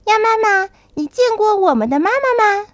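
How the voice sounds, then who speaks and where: A woman voicing a group of eager little tadpoles in a children's story, calling out in high shrill cries. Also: animated, moderate pace, no echo. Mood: asking.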